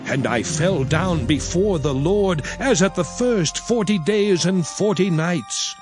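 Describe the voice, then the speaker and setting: Moses, a slow, solemn prophet. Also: male voice, high voice, a little mellow, full character voice. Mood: grave, intense. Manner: solemn, declamatory, archaic diction. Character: Moses, solemn male prophet addressing his people. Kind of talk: dramatized scripture reading. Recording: music behind the voice. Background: background music.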